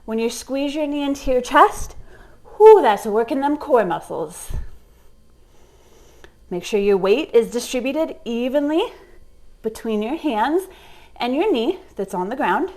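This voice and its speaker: A woman's voice: on the high side, expressive, a little slow, pauses often, darkish tone. A young woman leading a home workout, giving encouraging cues while exercising along, getting out of breath at times. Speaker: fitness instructor.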